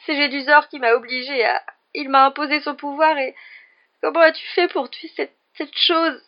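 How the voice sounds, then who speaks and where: A frightened young girl pours out her words in a high, tearful rush, as a woman reader puts her on. The voice sits well above the reader's own and sounds pleading and breathless. The recording is muffled and lo-fi. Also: steady tone, moderate pace.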